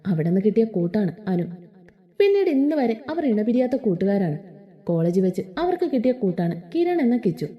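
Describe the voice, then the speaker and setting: A woman storyteller giving an expressive, emotional reading of a scripted story. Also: mid-range voice, fairly quick, lo-fi sound.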